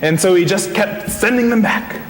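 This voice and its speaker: Male minister-storyteller, high voice, playful; recorded in a church hall with long reverb. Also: moderate pace, a little hiss or hum. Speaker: intern minister. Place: large church sanctuary.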